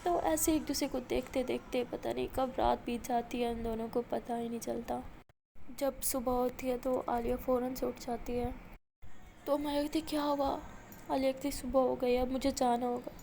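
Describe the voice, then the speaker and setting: Brief: casual woman storyteller, high and gravelly, easy flowing retelling. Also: little pitch movement, dark tone, slight background noise. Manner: plain, flowing retelling with hesitant fillers. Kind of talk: casual spoken story narration.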